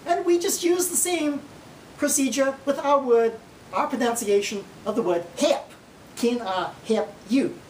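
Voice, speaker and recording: A woman putting on a proud, folksy Oklahoma woman who lectures in an emphatic, drawn-out Okie accent. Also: darkish tone, close to an everyday voice. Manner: slow drawn-out drawl, emphatic. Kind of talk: mock lecture on dialect. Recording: roomy, distant mic, faint rumbling noise.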